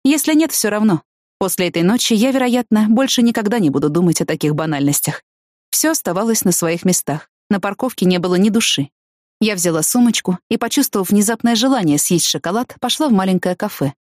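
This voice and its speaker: A woman's voice: medium pitch, animated, brisk, a little mellow, dry recording. Woman reading a novel aloud, dry. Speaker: audiobook narrator. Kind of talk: first-person novel reading.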